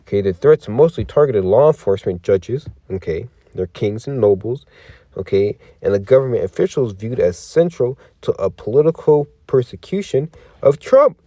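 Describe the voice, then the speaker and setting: Tired guy with a lowish dark voice riffing on scripture, swears a lot, keeps saying okay and man. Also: animated, moderate pace, no room sound. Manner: profane, peppered with "okay" and "man"; rhetorical questions. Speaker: religious commentator. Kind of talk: casual scripture and news commentary.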